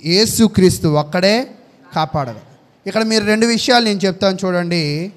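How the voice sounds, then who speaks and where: A man's voice: high voice, normal speed. A man preaching a sermon. He reads out Bible verses, asks questions and then answers them himself.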